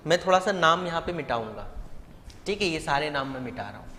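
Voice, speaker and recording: A man's voice: on the high side, expressive, brisk, sharp tone, in a large hall, slight background noise. A man teaching a live online biology class, explaining step by step and putting rhetorical questions to his students. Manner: addresses students directly and fondly.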